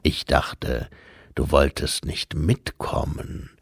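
A man voicing Death as a grave, solemn figure in an audiobook, speaking in a measured way. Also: a bass voice, flat delivery, vocal fry, husky, dry recording, clean studio sound, voice pushed down, heavily acted. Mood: calm. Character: Death, solemn, grave, unhurried male personification.

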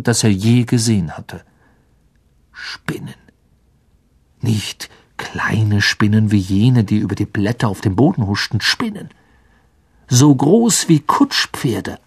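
A man reading an audiobook aloud as narrator, telling the story slowly and deliberately with dramatic swells. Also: mid-range voice, slightly rough.

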